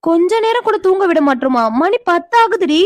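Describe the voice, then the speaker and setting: A woman voicing a bossy young woman in a cartoon who scolds and nags, sharp-tongued. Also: very high-pitched, expressive, brisk, no echo. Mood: exasperated. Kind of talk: cartoon voice acting.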